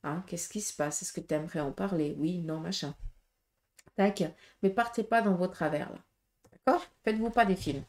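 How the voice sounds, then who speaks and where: A woman's voice: lowish voice, normal speed, darkish tone. A Swiss French woman gives a casual tarot reading, speaking straight to her viewers. She is frank and direct, leaning on fillers and asking "okay?" often. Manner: direct, frank, many fillers and tag questions. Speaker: tarot reader.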